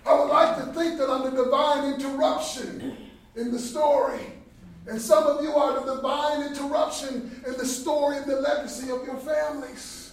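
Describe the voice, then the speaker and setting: Man, sermon, very high voice, big echoey hall, far from the mic, animated storytelling. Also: moderate pace. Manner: animated storytelling, shifts between shouting and quiet. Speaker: Bible study speaker. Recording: echoey hall, distant, faint noise.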